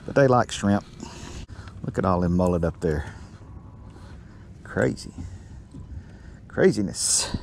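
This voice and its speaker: Deep and gravelly, this middle-aged man's voice moves slowly with frequent pauses as he chats casually and folksily while fishing for his vlog. He sits in a small boat on calm water outdoors, and his body-worn action camera records steady noise throughout.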